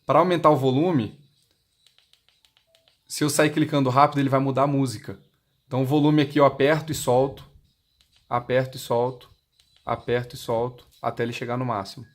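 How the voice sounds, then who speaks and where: An intercom seller demonstrates his product in a brisk, steady, medium-pitched voice, pausing often. He's a man with a Brazilian Portuguese accent, explaining step by step, unscripted and plainly instructional. The clip has clear noise and clicks.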